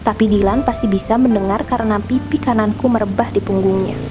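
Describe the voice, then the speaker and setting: A young woman reading a novel aloud with lively, expressive storytelling. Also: medium pitch, fairly quick. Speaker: book reader. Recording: soft background music.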